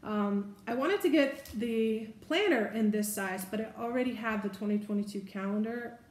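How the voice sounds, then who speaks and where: With a higher, slightly mellow voice at normal speed, a woman in her forties rambles upbeat about her haul. She sits at an indoor table, filmed by a camera in front of her, and the room echoes noticeably.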